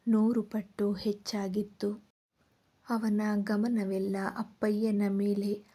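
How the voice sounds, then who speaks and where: A woman narrating an audio story, reading slowly and softly. Her voice is mellow and dark, and she keeps her pitch quite flat from line to line. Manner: slow, even, soft-spoken reading. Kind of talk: scripted narration.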